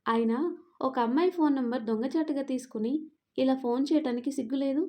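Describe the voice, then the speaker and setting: A woman's voice: sits high, fairly quick, warm tone, close to an everyday voice. A woman voicing a timid young college girl. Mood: indignant. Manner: stammering, pleading. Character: timid young woman student, easily frightened.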